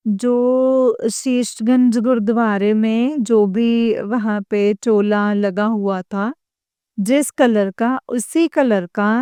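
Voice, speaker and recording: A woman sharing a devotional testimony in a halting storytelling manner, often stopping to address her listeners respectfully. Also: on the high side, dark tone, smooth, dry recording, studio quality.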